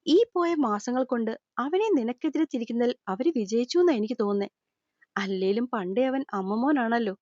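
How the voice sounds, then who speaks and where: A woman voicing an older man, a gentle worried father figure, softly consoling and explaining in an audio storybook. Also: a little high, no room sound, close to an everyday voice. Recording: slightly dull lo-fi recording.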